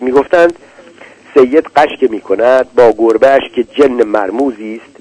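A man reading a literary story aloud in a measured, deliberate way. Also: mid-range voice, a little mellow, dry recording, poor audio. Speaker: narrator. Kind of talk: literary audiobook narration.

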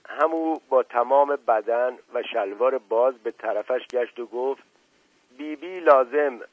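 A man reads a literary novel aloud at a steady, measured pace. The sound is narrow and phone-like, with no room echo at all. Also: mid-range voice. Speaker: audiobook narrator. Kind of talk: literary audiobook narration. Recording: tinny, dry, phone-like sound.

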